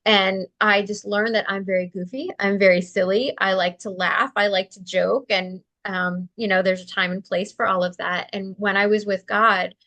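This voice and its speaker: A woman's voice: medium pitch, fairly even intonation, normal speed, few pauses, fairly bright tone, dull audio. A woman who is a guest in an interview, telling a personal story in an earnest, open way, with light laughs and fillers. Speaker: interview guest, spiritual practitioner.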